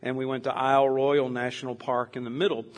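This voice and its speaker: An older man preaches a sermon as a pastor, speaking quickly at a medium pitch with little rise and fall. He tells stories in a rambling, conversational way, full of fillers and restarts.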